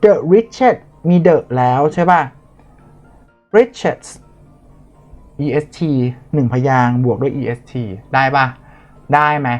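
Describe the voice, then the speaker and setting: A man's voice: a little high, very animated, takes it slowly, long pauses, darkish tone. A man tutoring students in a chatty, playful way, talking through each answer and correcting his own slips. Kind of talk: online tutoring lesson. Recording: dull lo-fi audio with faint music.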